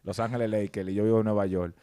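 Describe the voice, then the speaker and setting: A man's voice: fairly low pitch, flat delivery, fast, mellow, smooth. A man with a Dominican accent chatting casually in a sports debate, slangy and dropping English words into his Spanish.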